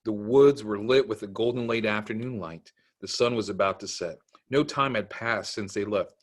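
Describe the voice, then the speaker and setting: A man's voice: lowish voice, moderate pace. A man narrating a children's storybook aloud, in simple storytelling meant for kids. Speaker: camp executive director reading to children.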